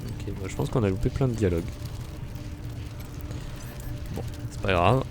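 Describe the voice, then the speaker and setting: A man's voice: fairly low pitch, quick pace, music in the background. A man playing a video game, commenting casually and reading the on-screen text aloud. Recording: clear background noise behind voice.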